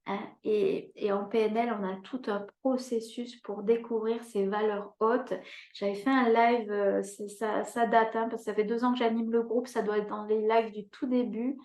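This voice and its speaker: A woman in her fifties with a slightly high voice, leading a live coaching masterclass. She speaks earnestly, doubling key words for emphasis and turning to her listeners with little tag questions. The room around her sounds echoey. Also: a little mellow. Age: 50s. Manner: addresses listeners directly with frequent "hein?". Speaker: life coach.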